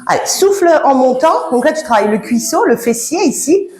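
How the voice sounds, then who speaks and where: A woman's voice: sits high, very animated, fairly quick, darkish tone, a little hiss or hum. A woman coaching a home workout, chatty and encouraging, laughing often and slightly out of breath. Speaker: fitness coach. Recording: echoey room with background music.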